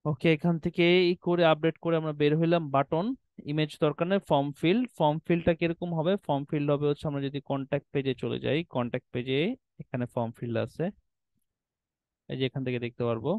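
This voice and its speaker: Clear-voiced man teaching web design. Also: a little high, flat delivery, fast talker, a little mellow, no room sound. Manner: explanatory, checks in with "ঠিক আছে?", mixes English terms. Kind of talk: screen-recorded tutorial walkthrough.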